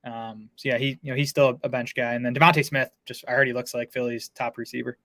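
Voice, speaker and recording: A man's voice: mid-range voice, steady tone, pushed and bright, dry recording. A man talking fantasy football in a casual podcast chat, full of fillers and restarts. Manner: fast, lots of filler words and restarts.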